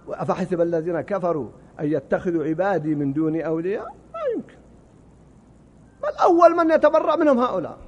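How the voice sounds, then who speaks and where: A high-voiced male preacher delivers an impassioned sermon, his voice swinging widely between soaring peaks and low murmurs. He sometimes stumbles and repeats a word before pushing on. The recording is muffled, with a long reverb from a large hall. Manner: impassioned, rising and falling.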